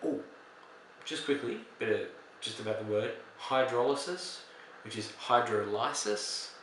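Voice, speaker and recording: Casting note: low-voiced male chemistry teacher, easygoing and explanatory, recorded off-mic in a very echoey room. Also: moderate pace, distant mic, a little hiss or hum. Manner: relaxed, explanatory, with fillers and self-corrections. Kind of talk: recorded lesson explaining reactions.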